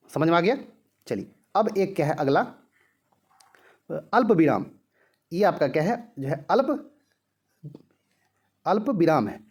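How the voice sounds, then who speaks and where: A man teaching grammar for an exam-prep class, his voice sitting somewhat high. He peppers his talk with filler phrases, asks questions and answers them himself, and slows to repeat his examples. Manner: heavy use of filler "jo hai", rhetorical questions answered himself; repeats example sentences slowly.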